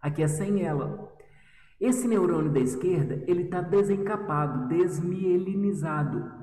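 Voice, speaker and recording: A man's voice: high-pitched, measured pace, warm tone, distant mic. A man teaching histology in a chatty, teasing way, talking straight to his students. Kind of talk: lively video lesson. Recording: echoey room, voice from off the mic.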